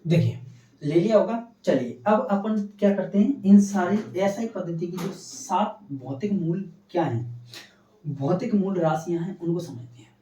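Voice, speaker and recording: A man's voice: high voice, animated, a little slow, warm tone, slight background noise. A male science teacher giving a classroom lecture, asking questions and answering them himself and repeating key terms. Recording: echoey room, distant dull mic.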